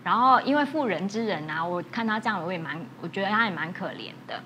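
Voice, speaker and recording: A woman obstetrician calmly recounting a patient case on a TV talk show, quoting the patient softly. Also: medium pitch, slight background noise. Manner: measured, quotes patients in a softer voice. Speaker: obstetrician guest. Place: TV studio.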